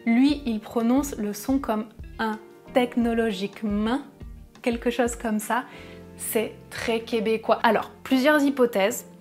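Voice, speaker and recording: French woman teacher, fairly high voice, slow and careful explanations over light music. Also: a little mellow. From France. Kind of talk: pronunciation lesson.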